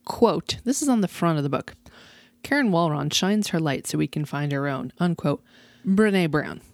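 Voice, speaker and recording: This woman hosts a podcast with a notably low voice, chatty and bubbly as she talks. She laughs easily and keeps things relaxed and casual. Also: normal speed, no echo. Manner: chatty and enthusiastic, laughs often. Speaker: podcast host.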